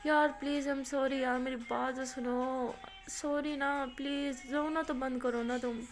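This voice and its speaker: A fretful young college girl, apologetic and pleading, as a woman storyteller puts her on. The voice sits a bit high, with no real disguise. She rushes through her sorries. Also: steady tone, faint music behind, natural voice.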